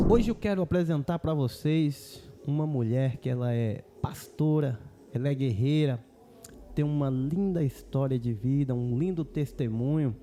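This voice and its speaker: A man's voice: on the high side, dark tone, a little hiss or hum. A man hosting a podcast, talking in a loose, chatty, slangy way. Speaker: podcast host and voice-over artist.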